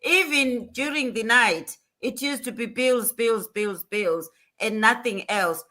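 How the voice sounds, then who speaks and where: A woman's voice: a little high, slow pace, bright, forceful tone. A woman hosting a motivational livestream, talking in an earnest, emphatic way and repeating her points. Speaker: livestream host.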